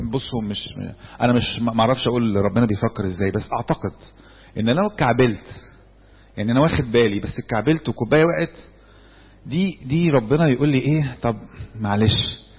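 A man's voice: mid-range voice, expressive, fast talker, husky. A man with an Egyptian Arabic accent giving a church talk, questioning his listeners and answering himself. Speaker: church speaker. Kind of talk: sermon-style talk to a group. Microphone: handheld microphone. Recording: echoey hall on a tinny phone-like recording.

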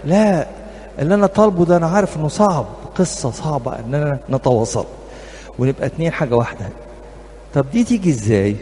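A man's voice: fairly high pitch, lively intonation, fast, warm tone. A middle-aged man with an Egyptian accent giving a talk to couples at church as a marriage counselor, humorous and anecdotal, speaking straight to his audience. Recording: reverberant hall, faint background noise.

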